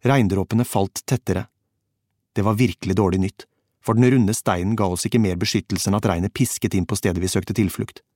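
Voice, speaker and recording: A man reading a first-person audiobook narration in a measured, calm way. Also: on the low side, no echo, studio quality.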